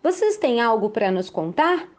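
A Brazilian woman telling a story to children in the expressive manner of a kids show host. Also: a little high, a little slow.

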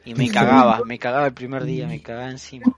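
A man's voice: mid-range voice, fast, lo-fi sound, music in the background. A young man with a Rioplatense Spanish accent, chatting casually with friends in slangy talk and frequent laughter. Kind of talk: casual chat among friends.

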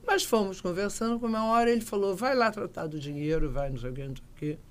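An older actress being interviewed, telling anecdotes in a lively way and acting out the voices of the people she quotes. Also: mid-range voice, fast. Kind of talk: casual interview storytelling.

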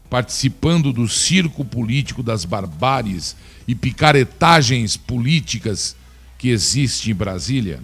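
A man from Brazil giving opinionated political commentary, indignant and scornful, talking straight to his listeners. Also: mid-range voice.

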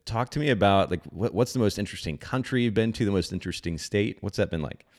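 A man's voice: fairly low pitch, quick pace. A man in his thirties hosting a podcast interview, friendly, often repeating words as he starts a sentence. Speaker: podcast host. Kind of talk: casual interview chat.

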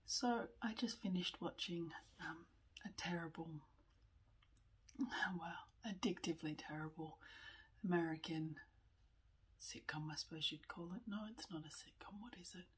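Whispery, tearful woman talking slowly. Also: lowish voice. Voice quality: breathy whispering. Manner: slow, halting, candid, with small laughs. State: tearful, nose running. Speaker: vlogger. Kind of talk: personal confessional vlog.

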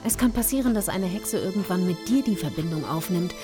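A woman playing an odd young woman who collects occult objects, speaking in a calm, hushed, instructive way in a horror audio drama, with music underneath. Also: lowish voice, a little fast, close to an everyday voice. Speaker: Kathy.

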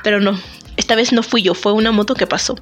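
A woman's voice: mid-range voice, steady tone, quick pace, soft background music. A woman, host of a casual talk podcast, chatting to listeners in a joking, self-deprecating way while a bit sick. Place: temporary recording spot.

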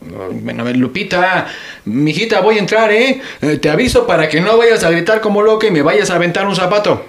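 Speaking with a Mexican Spanish accent, this male actor performs a sketch as a hungry, teasing dad who jokes around while consoling his daughter. The voice is high, expressive and a little quick, and he whines in an over-the-top, playful way.

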